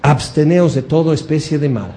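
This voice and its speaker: A man preaches with a high yet mellow voice. He acts out quotes, mimics people with playful impressions and jokes with his congregation. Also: moderate pace. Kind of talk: sermon.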